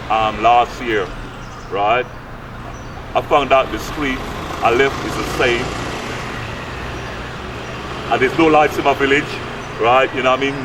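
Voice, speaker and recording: A Guyanese man in his late 60s, a youth fitness coach and community mentor, speaks earnestly and repetitively in a casual interview, often ending phrases with "right?" His voice is mid-range. He's outdoors on an urban street by brick flats, holding a handheld mic at his chest, and the distant mic picks up clear street noise.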